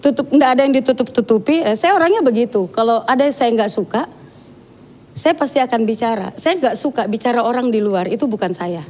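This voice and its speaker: A woman's voice: on the high side, expressive, brisk, darkish tone. A woman giving a sermon in a church, talking frankly and chattily, with many asides to the congregation. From Dayak. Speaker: preacher.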